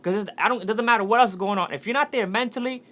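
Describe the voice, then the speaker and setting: A man's voice: high voice, very fast, a bit bright. A man in his twenties talking casually and earnestly about motivation, telling a story with frequent restarts. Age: 20s. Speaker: motivational speaker.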